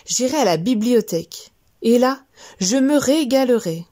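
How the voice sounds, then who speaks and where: A woman voicing an eager, polite little boy mouse in a storybook, chirpy and excited. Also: on the high side, a little slow, voice pushed up. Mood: hopeful.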